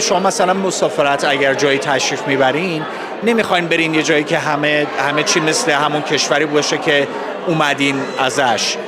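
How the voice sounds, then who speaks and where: A man with an Iranian Persian accent giving formal, courteous, halting interview answers. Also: a little high. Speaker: festival organizer interviewee. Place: public festival space with crowd. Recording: busy crowd noise, outdoor public event.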